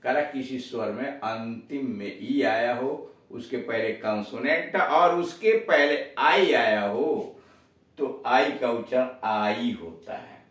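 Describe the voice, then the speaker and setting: A man's voice: medium pitch, slow, fairly bright tone, far from the mic. A man teaching an English pronunciation lesson, explaining rules step by step and spelling words out letter by letter. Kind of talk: spoken grammar lesson. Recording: echoey room, voice off-mic.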